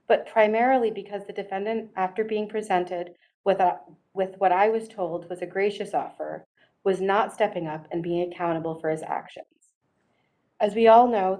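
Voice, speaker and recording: A middle-aged woman reading a prepared victim's family statement to a court, in a solemn, formal and deliberate manner. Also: mid-range voice, warm tone, poor audio. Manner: solemn, deliberate, measured wording.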